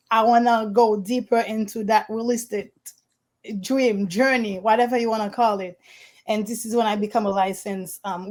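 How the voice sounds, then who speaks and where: A Haitian woman who works as a realtor tells her story as a guest in a conversational interview. Her medium-pitched voice is slightly mellow, and she speaks earnestly with somewhat non-standard phrasing.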